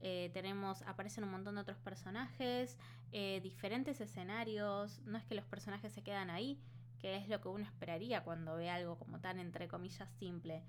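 A woman with a Buenos Aires accent chats as a podcast co-host. Her manner is colloquial and conversational, her pitch average for a woman. The recording has clear noise and a hum behind her. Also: fairly even intonation, a little fast. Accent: Buenos Aires Argentine Spanish. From Buenos Aires, Argentina. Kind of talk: casual podcast chat.

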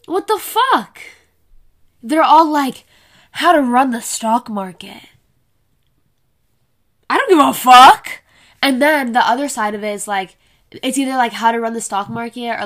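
Fairly high-pitched and a bit bright, this eighteen-year-old woman hosts her own solo podcast with a congested, nasal voice. She's chatty and blunt, swearing freely, recorded with a laptop camera and a separate mic.

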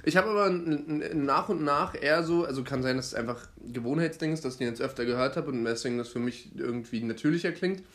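A young man co-hosting a casual rap chat, agreeable and chatty with lots of quick interjections. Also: medium pitch, fairly bright tone. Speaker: podcast co-host.

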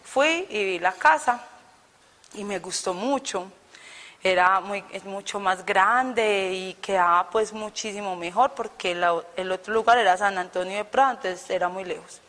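A woman's voice: mid-range voice, a little slow, fairly bright tone. A woman, giving an earnest, conversational testimony to a congregation. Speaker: church speaker giving testimony. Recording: long hall reverb.

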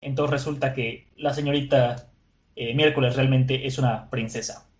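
A man casually recapping an episode, animated and chatty with many fillers. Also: mid-range voice, normal speed.

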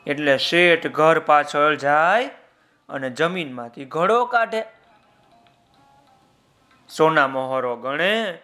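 A man telling a children's story, lively and speaking directly to his young listeners. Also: on the high side.

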